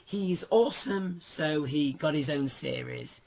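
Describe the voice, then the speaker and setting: A man with a hoarse, worn-out voice and a smoker's rasp, giving chatty, informal commentary on fantasy lore as a video host. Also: a little high, measured pace, darkish tone. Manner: chatty, informal, playful asides.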